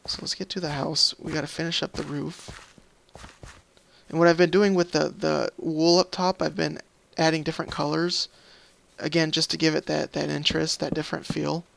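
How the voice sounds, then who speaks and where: Thinking aloud through a Minecraft let's play, this gaming series host rambles casually and apologetically. His voice is fairly high, bright and creaky, tired and a little scratchy, delivered flatly at normal speed.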